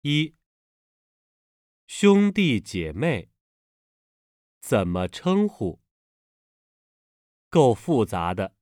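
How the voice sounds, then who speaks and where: A man reads a language lesson with very slow, careful delivery, every syllable pronounced on its own. His pitch rises and falls widely as he stresses the tones. The studio sound is dry and close. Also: darkish tone, no echo. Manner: slow, deliberate, careful enunciation of each syllable. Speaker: language textbook reader. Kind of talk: scripted Mandarin lesson reading.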